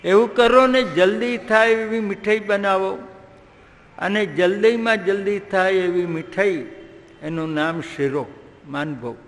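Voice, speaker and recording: A man's voice: sits high, measured pace, fairly bright tone, long reverb tail. A man voicing a fussing doting mother. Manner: pleading, fussing. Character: doting mother scolding her mischievous child.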